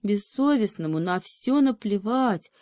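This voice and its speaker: A woman playing an excitable curious hare. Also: medium pitch, measured pace, no room sound, clean studio sound, lightly acted. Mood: excited. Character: curious sympathetic male hare.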